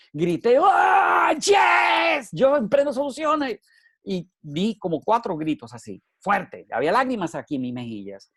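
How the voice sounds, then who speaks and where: Middle-aged guy giving a pep talk on the radio, earnest coaching, yells now and then, dry close mic. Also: fairly high pitch, no echo. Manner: earnest, coaching, bursts into shouts. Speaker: guest speaker.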